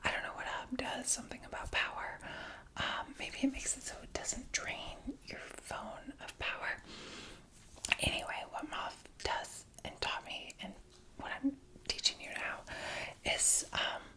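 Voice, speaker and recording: Bright whispering ASMR woman, informal and rambling. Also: low-quality recording. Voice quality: soft unvoiced whisper. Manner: informal, rambling, halting asides. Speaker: ASMR video creator. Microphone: close external microphone plugged into phone.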